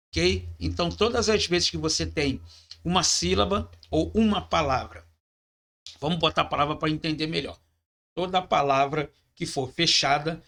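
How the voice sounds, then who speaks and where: Male teacher, bright and slightly high voice, patient step-by-step lecturing that checks in with the class. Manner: explanatory, checks in with "tá?" and "ok?". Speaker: Hebrew teacher.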